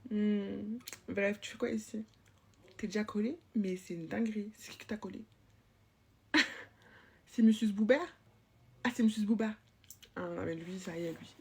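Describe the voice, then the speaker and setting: A woman's voice: mid-range voice, steady tone, moderate pace, vocal fry, long pauses, warm tone, slightly rough. A woman playing a chatty school supervisor. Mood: teasing. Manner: rambling, slangy, teasing. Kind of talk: comic POV sketch.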